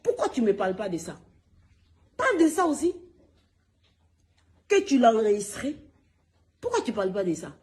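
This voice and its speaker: A man's voice: high voice, huge pitch swings, fast talker, warm tone. A man ranting into his phone on a gossip livestream, repeating himself emphatically and talking straight to his viewers. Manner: emphatic, repetitive, addressing viewers directly. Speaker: gossip live-streamer. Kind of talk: heated phone livestream rant.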